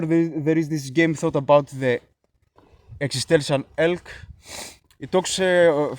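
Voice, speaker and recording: A Greek man with a mid-range voice explains a philosophy idea in English, his second language. His casual monologue is halting, with frequent fillers and restarts, and there is no room sound.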